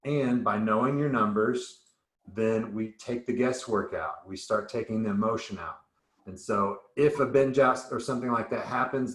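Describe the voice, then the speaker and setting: A man's voice: fairly low pitch, roomy sound. A man coaching a group on nutrition in a casual, upbeat way, rambling a little and often restarting words.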